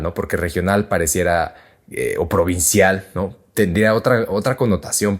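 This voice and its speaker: A man with a Mexican accent hosting a podcast, explaining things in a casual, slangy way with lots of fillers and restarts. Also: low voice. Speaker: podcast host.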